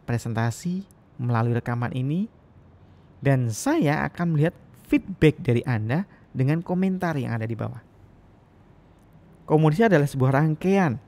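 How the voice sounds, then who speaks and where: A man giving a recorded lecture as a university lecturer. He speaks with energy and lets his intonation rise and fall. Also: fairly high pitch. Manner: energetic, rising and falling intonation.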